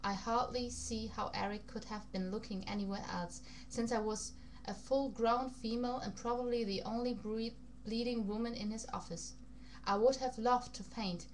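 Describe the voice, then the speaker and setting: Woman reading fiction in a put-on foreign accent. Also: medium pitch. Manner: stumbles over words and rereads phrases. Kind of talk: amateur reading aloud of a vampire novel. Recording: noisy recording with background hum.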